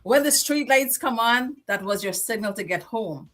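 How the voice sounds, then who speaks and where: A woman with a Guyanese accent, co-hosting a casual live-stream chat and telling lively stories about growing up. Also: fairly high pitch, moderate pace. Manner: animated nostalgic storytelling. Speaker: co-host.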